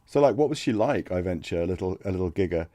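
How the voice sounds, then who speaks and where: Man, low voice, warm and mellow, dry close sound, reads game text and muses aloud. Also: lively intonation, quick pace, no room sound. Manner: thinks aloud with restarts between read-out passages. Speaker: let's play streamer. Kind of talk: reading a text adventure aloud with casual commentary.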